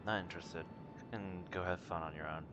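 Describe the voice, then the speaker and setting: A man's voice: low voice, fairly even intonation, brisk, noisy background, pitched below the performer's own voice, lightly acted. A man voicing an aloof, proud and bookish older brother, curt and dismissive, as he reads out video game dialogue. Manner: curt, haughty.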